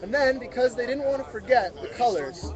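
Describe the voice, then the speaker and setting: A very high-pitched man reads a story to a live group a little fast, inviting listeners to fill in words. The muffled audio comes from an outdoor mobile livestream, where music, crowd chatter, and street sounds fill the background.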